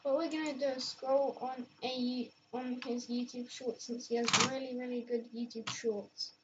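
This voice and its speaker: High-pitched woman host, loose rambling chat, muffled lo-fi audio. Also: flat delivery, normal speed, very noisy. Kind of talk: casual reaction chat. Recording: dull lo-fi audio.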